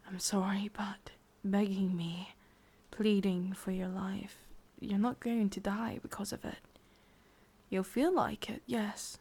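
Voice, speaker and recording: In a hushed, breathy ASMR roleplay, an English-accented woman plays a sadistic, possessive witch, speaking slowly and coaxingly. Her medium-pitched voice stays calm and unyielding.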